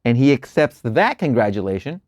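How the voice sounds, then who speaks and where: Man, mid-pitched voice, measured reading, relaxed asides, dry close sound. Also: dry recording. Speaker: host reading and explaining lectures. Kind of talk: reading aloud with casual commentary.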